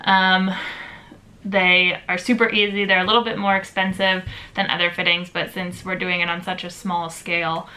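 In a rough recording, a young woman building out a bus demonstrates its plumbing from inside, practical and methodical with plenty of ums. She speaks on the low side with a sharp tone, little pitch movement and a moderate pace.

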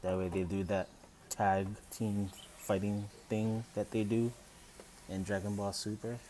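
A man's voice: fairly low pitch, little pitch movement, measured pace, dark tone, a little hiss or hum. A man hosting a casual unboxing vlog at home, thinking aloud as he goes, recorded on a phone. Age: adult, father of three. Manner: thinks aloud, unsure and chatty. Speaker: channel host. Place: home room with Christmas tree. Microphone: phone camera.

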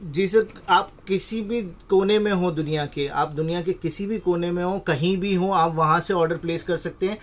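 Indian man giving an emphatic sales pitch. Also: moderate pace, hardly any pauses. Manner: repetitive, emphatic selling patter.

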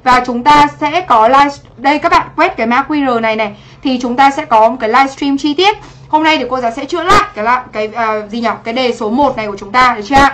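Woman teacher, high voice, chatty livestream exam review, keeps checking that students follow. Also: fast talker, fairly bright tone. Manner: chatty, asks for confirmation after each point; greets viewers by name while teaching. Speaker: English teacher.

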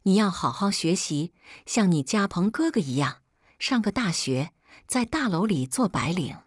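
Woman doing a bossy, shrill mother for a story narration: strident and scornful. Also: animated, normal speed, husky, dry recording, studio quality. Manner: scolding, sneering, strident.

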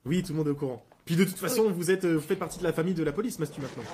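A man's voice: on the high side, racing, a loud crowd. A man improvising a game role-play in conversation, politely and wordily explaining with some hesitation. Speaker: player acting as a police officer in a game role-play. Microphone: online game voice chat. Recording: clearly noisy voice chat with clicks.

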